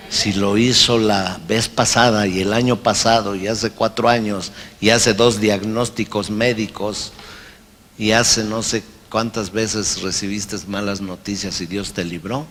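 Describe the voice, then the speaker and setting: A male pastor preaching a sermon, slow and emphatic, rising into loud shouted cries. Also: on the low side, slight background noise. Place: large church hall. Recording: long hall reverb, faint music.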